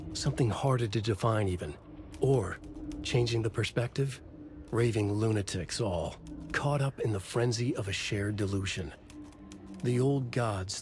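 An actor narrating a dark mythic tale in a measured, dramatic storybook voice. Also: male voice, lowish voice, lightly acted. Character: grave male storyteller of dark myth. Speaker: game narrator.

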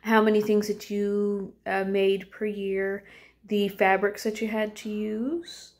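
Recording from home, a female teacher gives a casual lesson in a medium-pitched, flat voice. She asks her students questions, speaks loosely, and frequently stops on fillers like "um" and "uh."

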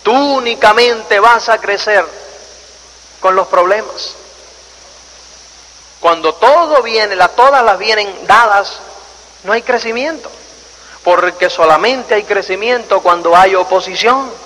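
A man with a high, bright voice gives a motivational seminar. He acts out little scenes and keeps asking his listeners questions. His voice carries a long hall reverb over faint background noise. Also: slow pace, long pauses. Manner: animated storyteller, acts out scenes and asks the audience rhetorical questions. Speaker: motivational speaker. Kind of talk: live seminar talk to an audience.

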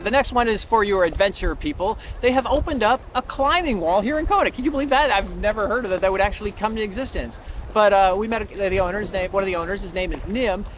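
High-voiced rambling man co-host. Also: fast, music in the background. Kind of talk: casual narration to camera.

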